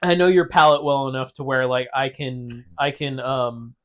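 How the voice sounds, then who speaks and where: A man hosting a casual podcast chat, teasing his co-host in a relaxed way with many filler words. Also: medium pitch, moderate pace. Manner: teasing, laid-back, lots of ums.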